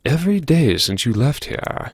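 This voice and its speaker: A man narrates a serialised audio story as a wry, theatrical, self-mocking university vice-chancellor recounting his haunted memoirs. His gravelly, husky, medium-pitched voice swoops sing-song and theatrically, slow and deliberate, arch and sardonic, savouring words with dramatic pauses in a wry, relishing mood. It is recorded dry and close, with no room sound.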